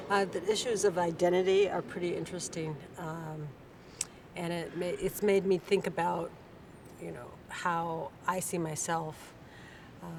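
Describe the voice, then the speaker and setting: Low, flat-voiced woman, halting speech. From Seattle, United States. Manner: halting, many ums and restarts. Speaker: panel artist. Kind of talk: unscripted panel remarks. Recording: audible background noise.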